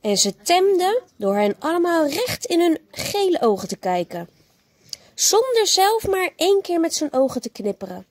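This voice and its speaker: A woman teacher reading a bedtime story aloud to a child, gentle and expressive. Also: very high-pitched, moderate pace, no echo.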